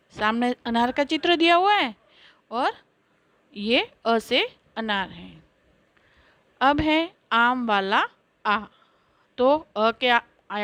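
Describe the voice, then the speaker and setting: Slow, careful woman teacher. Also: on the high side, fairly bright tone, no echo. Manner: careful, drawn-out pronunciation, recites letters one by one. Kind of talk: slow Hindi alphabet lesson.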